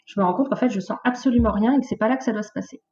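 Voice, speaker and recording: A woman in her late thirties, a podcast guest, telling her life story in a lively, casual way with many fillers. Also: fairly high pitch, racing, muffled recording, a little hiss or hum. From France, of Portuguese origin. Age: late 30s. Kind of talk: casual conversational interview.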